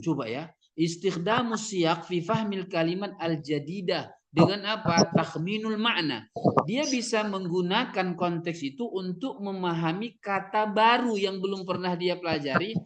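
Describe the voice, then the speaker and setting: A man training teachers in a lecture, explaining step by step and answering his own questions, with Arabic terms in an Indonesian accent. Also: high voice. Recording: audience or crowd noise behind.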